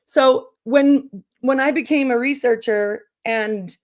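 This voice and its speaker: A woman's voice: high voice, slow pace. Female research expert, voice strained and strangled from overuse, emphatic explainer on a discussion panel. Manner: emphatic, explanatory, often checking with "right?". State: voice strained after a weekend of loud talking. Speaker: guest researcher and curriculum developer.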